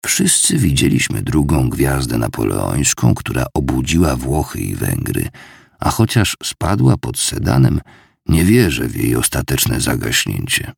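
A man reading an audiobook as narrator in a measured storytelling manner. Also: extremely low pitch, sing-song, gravelly, slightly rough, dry recording. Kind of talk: scripted narration.

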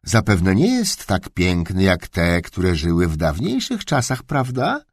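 A man voicing a calm but cheeky twelve-year-old girl who answers back bluntly in a storybook reading. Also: sits low, measured pace, no room sound, studio quality, heavily acted. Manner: blunt, retorting.

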